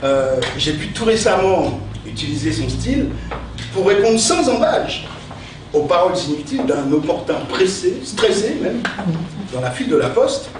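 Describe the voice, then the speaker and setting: A man's voice: high voice, very animated, moderate pace. A man performing a theatrical comic stage monologue with hammy, declamatory delivery, like a stage actor reciting. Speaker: sketch comedian on stage. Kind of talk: theatrical stand-up monologue with verse tirade. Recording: echoey hall, distant mic, noisy.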